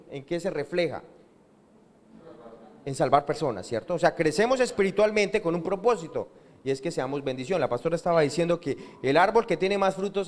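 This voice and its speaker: A man with a Colombian accent, a pastor preaching a sermon and drawing answers from the congregation with questions. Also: high-pitched. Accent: Colombian Spanish. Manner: call-and-response questions to the congregation. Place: church hall. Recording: church hall with long reverb.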